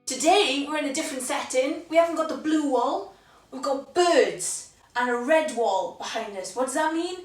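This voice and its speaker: A young Welsh woman chats playfully while she cooks and teaches a few words of Welsh. Her voice sits high. It carries the echo of a home kitchen, picked up from a little way off. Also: expressive, moderate pace, soft background music. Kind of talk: casual cooking video. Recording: roomy kitchen, mic at a distance.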